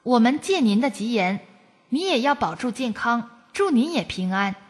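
Earnest husky-voiced woman narrating. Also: fairly high pitch, sing-song, moderate pace, in a large hall. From China. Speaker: narrator of a personal testimony. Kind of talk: read-aloud first-person narration.

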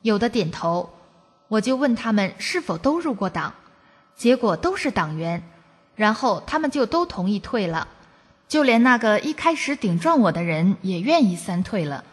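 A woman's voice: mid-range voice, sing-song, normal speed, husky, big-room sound. A woman from China reading a first-person testimony aloud, in an earnest, preachy storytelling cadence.

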